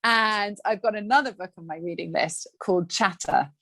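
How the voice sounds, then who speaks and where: Her medium-pitched voice moves at a moderate pace in a recording with no room sound. As a guest coach on a podcast interview, this woman is chatty and animated, discussing her life and work casually and acting out little scenes.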